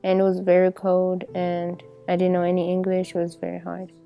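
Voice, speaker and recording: A young woman student speaks quietly and in a subdued way about arriving in a new country. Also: lowish voice, monotone, brisk, vocal fry, muffled recording. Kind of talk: interview testimonial. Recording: soft music bed underneath.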